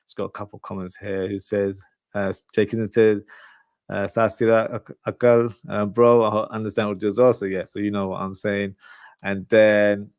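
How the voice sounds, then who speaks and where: A man from a Lahore Pakistani family, whose first language is Urdu at home, runs a football podcast and talks informally to viewers in a live chat, previewing a match and reading comments. His voice sits on the low side, level and slightly mellow, at a normal speed, with no echo.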